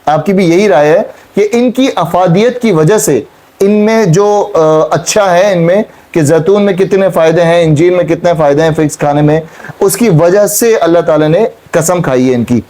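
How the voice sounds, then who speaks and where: Male Quran teacher, high mellow voice, questions and repeats. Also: moderate pace. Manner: questioning students, repeating points. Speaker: Islamic teacher. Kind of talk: Quran class explanation. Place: classroom with students.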